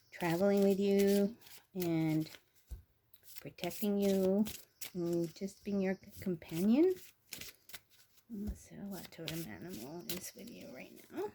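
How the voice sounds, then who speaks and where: A woman giving an intuitive tarot reading, earnest and effusive, often halting with ums and breaking into laughter. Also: lowish voice, a little mellow. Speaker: tarot reader.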